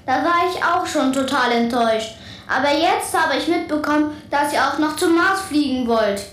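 A woman voicing a touchy, curious, childlike little planet as an expressive, naive space correspondent on children's radio. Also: sits high, moderate pace, slight background noise. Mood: indignant, pouty. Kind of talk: children's radio character dialogue. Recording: roomy echo, music behind.

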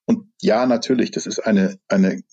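A man from the Rhineland working as an executive coach, speaking in a measured, reflective and candid way in an interview over a video call. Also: on the low side, steady tone, warm tone, breathy edge, dull audio. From Rhineland, Germany.

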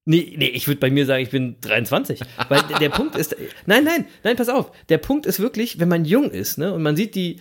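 Man, 30s, podcast co-host, casual chat, teasing, laughs a lot, slightly raised pitch, very animated intonation. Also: a little fast, hardly any pauses. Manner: playful, teasing, laughs often.

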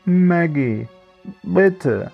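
A man's voice: mid-range voice, very animated, slow pace, phone-quality sound, soft background music, voice pushed up. A man voicing a drunk young man on crutches who pleads and stammers, in a thriller audiobook. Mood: pleading.

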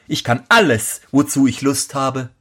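A man's voice: mid-range voice, unhurried, bright, forceful tone, husky. A man reading a fairy tale aloud, voicing a bold, fearless young prince with raised, cocky exclamations. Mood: defiant.

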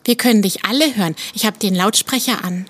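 A woman's voice: mid-range voice, fairly quick, no echo, close to an everyday voice. A woman playing a curious, polite seven-year-old girl in an educational audio play for children. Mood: eager, asking.

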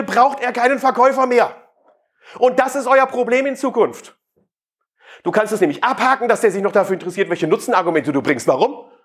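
A man giving a live sales talk, questioning the audience and provoking them. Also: very high-pitched. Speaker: sales speaker.

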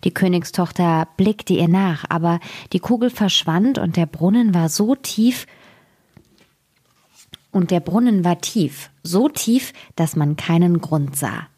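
Woman reading a fairy tale, lowish voice. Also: animated, takes it slowly, warm tone, slightly rough. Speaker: storyteller.

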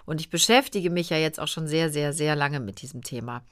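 A woman's voice: deep voice, brisk. Chatty middle-aged woman hosting a podcast. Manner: chatty, teasing, laughs often. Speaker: podcast host. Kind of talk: casual chat.

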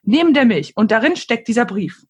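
A woman voicing an agitated male museum director who talks in a hurried, excited way. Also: a little high, breathy edge, heavily acted.

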